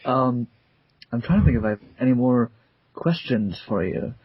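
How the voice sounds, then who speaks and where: A man's voice: mid-range voice, lively intonation, moderate pace, husky, no echo. A young man, a voice actor, chatting casually and rambling at his desk. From America. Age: young adult. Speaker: voice actor, interviewee. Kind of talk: casual interview chat. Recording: dull, dry lo-fi sound.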